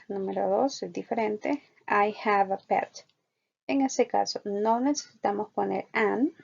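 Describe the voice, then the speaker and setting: A woman teaching an online English lesson, explaining patiently and repeating example sentences slowly. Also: medium pitch, creaky, darkish tone. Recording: dull lo-fi recording.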